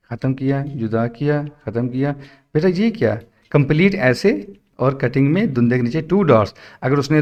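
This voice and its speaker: A man teaches a tajweed class over a video call, his voice sitting in a middle pitch. He explains things patiently and stretches out letter drills slowly, dropping English words into his teaching. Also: darkish tone, lo-fi sound. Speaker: Quran teacher. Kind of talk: online tajweed lesson. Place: at home for an online class. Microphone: computer mic on a video call.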